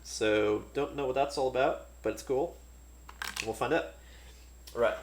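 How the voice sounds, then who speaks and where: A man casually talking through a board game unboxing, relaxed and thinking aloud with many fillers. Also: medium pitch, unhurried, roomy sound, a little hiss or hum.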